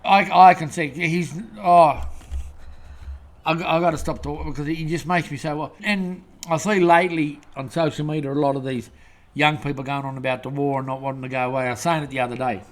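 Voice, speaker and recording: A man's voice: fairly high pitch, fairly even intonation, fairly quick. An Australian man hosting his own show, ranting angrily and rambling, swearing constantly. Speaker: host. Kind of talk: profane rant to camera.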